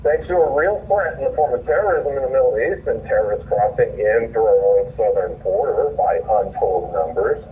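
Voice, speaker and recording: Reading his own essay over the phone, a man speaks at medium pitch and a moderate pace with few pauses, sounding earnest and indignant. After the written opinion piece he adds informal remarks. The line is muffled, distant, and carries faint noise.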